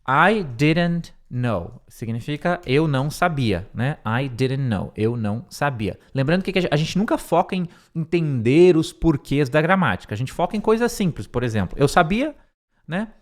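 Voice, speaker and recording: A young man, teaching English line by line, repeating words slowly, with many fillers. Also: a little high, sing-song.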